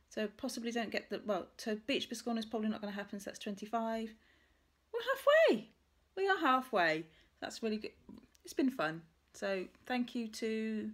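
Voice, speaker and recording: High-voiced woman chatting through a craft vlog. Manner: rambling, thinking aloud, self-correcting. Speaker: craft vlogger. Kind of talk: casual chat to camera about stitching.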